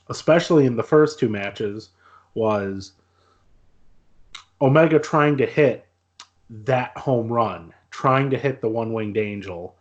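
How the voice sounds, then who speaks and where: Man, podcast co-host, unhurried, earnest, casual chat, dull lo-fi recording. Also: medium pitch. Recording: dull lo-fi audio.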